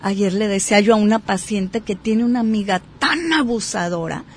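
Animated woman therapist explaining. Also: mid-range voice, moderate pace, slight background noise. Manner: animated, acts out example dialogues. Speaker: psychotherapist. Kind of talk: explanatory talk show chat.

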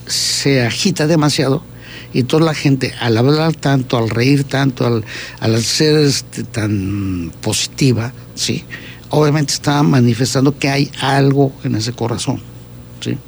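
A man with a gravelly, creaky voice pitched in the middle range. He explains diet and health habits in a conversational way, repeating words and often adding a questioning "¿sí?". A faint noise sits under his voice. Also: measured pace. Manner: keeps checking in with a questioning "¿sí?"; repeats words while gathering thoughts.

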